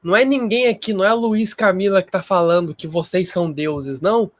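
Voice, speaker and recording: A man's voice: high-pitched, fairly quick, dry recording. A man hosting a spiritual livestream, teaching casually and emphatically and repeating himself.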